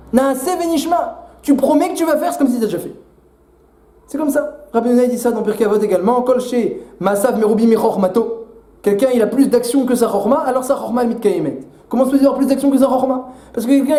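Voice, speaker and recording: A man who is a rabbi, giving a Torah sermon with rhetorical questions and animated retellings of midrash. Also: very high voice, echoey room. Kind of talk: Torah sermon in French with Hebrew terms.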